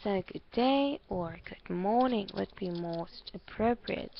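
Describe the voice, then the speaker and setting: A female language teacher gives spoken feedback during an online English lesson, encouraging, explaining, and frequently checking understanding. Her medium-pitched, gravelly voice is animated but slow. The call audio is muffled and lo-fi, slightly dull, with a little hiss or hum.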